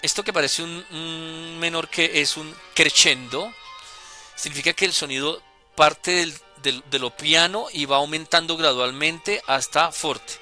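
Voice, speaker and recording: A man calmly explaining music notation as a teacher, deliberate and with small hesitations. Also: fairly high pitch. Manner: deliberate, with hesitations and self-corrections.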